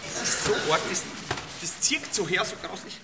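Austrian guy doing a grumpy comedy rant, swearing, mutters then yells, far off mic, noisy. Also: sits high, animated, moderate pace. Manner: grumbling, swearing, swings between mutters and shouts. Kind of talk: comic rant monologue. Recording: distant mic with loud background noise.

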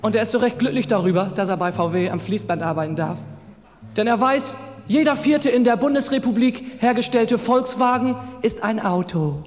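Stand-up comedian, male, very high voice, mocking tone, long hall reverb. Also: lively intonation, normal speed. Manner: mocking, playful storytelling.

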